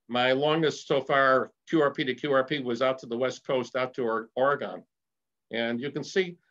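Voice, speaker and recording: A man's voice: mid-range voice, a bit bright. Enthusiastic older man presenting, filler-heavy. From Rochester area, United States. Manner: rambling, with many fillers and restarts, enthusiastic. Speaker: presenter at a radio club talk. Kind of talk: informal slide presentation. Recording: slightly dull lo-fi sound.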